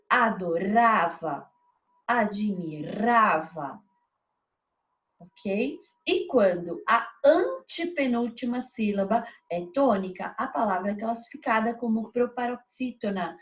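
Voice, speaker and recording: A woman teaching a video lesson, explaining step by step and checking in with frequent tag questions. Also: a little high.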